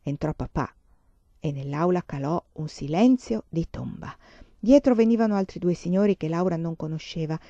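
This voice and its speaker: Woman reading a story, mellow tone. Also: on the low side, no echo. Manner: even, measured storytelling. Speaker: audiobook reader. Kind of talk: scripted narration of a novel. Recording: dull, dry lo-fi audiobook recording.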